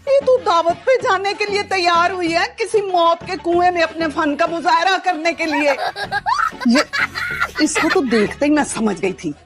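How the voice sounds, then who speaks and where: Brief: high-voiced, sharp-tongued drama mother-in-law, theatrical and mocking, score under her. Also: animated, a little slow, over music. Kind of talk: TV drama acting. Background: background score.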